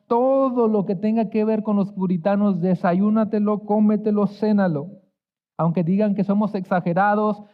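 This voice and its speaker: A man preaching a sermon as pastor, earnest and drawing out key words, with some restarts. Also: high-pitched. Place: church sanctuary. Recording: echoey hall, tinny phone-like sound.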